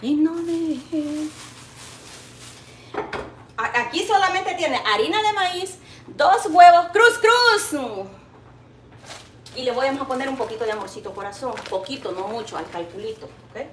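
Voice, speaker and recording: A woman with a Salvadoran Spanish accent chats casually with her viewers while cooking at home, animated and affectionate. Her voice sits a little high and off-mic, in a roomy kitchen with a faint hum behind her. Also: fairly quick, far from the mic. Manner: chatty and animated, teasing, addressing viewers with pet names. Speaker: cooking vlogger. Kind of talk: casual live cooking chat.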